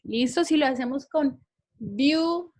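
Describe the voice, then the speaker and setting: A high-voiced woman teaches an English class into a computer mic for a recorded online lesson. Her intonation is lively, her pace measured and her tone darkish, and she explains patiently while regularly checking that students are keeping up.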